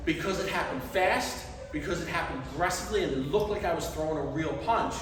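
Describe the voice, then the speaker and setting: A man's voice: on the high side, fast. A man teaching a hands-on workshop to a group, explaining step by step and checking that they follow. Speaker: stage combat instructor. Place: large echoey indoor hall. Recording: very echoey hall, distant microphone.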